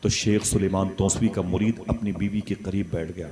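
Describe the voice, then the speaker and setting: A man's voice: low-pitched, steady tone, moderate pace. A man preaching a sermon, telling a story and calling on the audience to respond. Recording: crowd noise behind.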